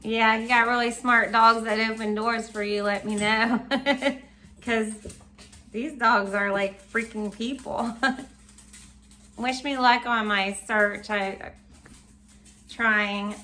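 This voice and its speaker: A middle-aged woman, chatting casually in a home vlog from her kitchen, a bit hoarse, rambling and laughing often. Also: a little high, fairly even intonation, slow, pauses often, pushed and bright. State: losing her voice, frogging. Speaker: vlogger.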